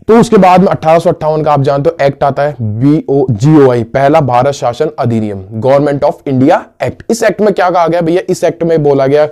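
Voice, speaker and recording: Casual history teacher, slightly high voice. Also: male voice, warm tone. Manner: casual, asks and answers his own questions; calls listeners "bhaiya". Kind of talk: exam-prep history lesson.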